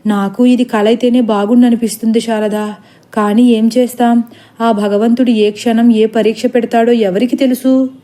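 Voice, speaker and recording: A woman's voice: a little high, steady tone, moderate pace, mellow, natural voice. A woman voicing a worried middle-aged father who turns furious at his son, in a storybook reading. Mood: grave.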